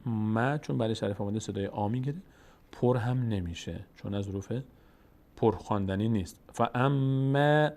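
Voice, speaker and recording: A man with a Tajik accent teaches a step-by-step Quran recitation lesson, explaining each rule before chanting the example words slowly and drawn out. His voice sits fairly low with a dark tone.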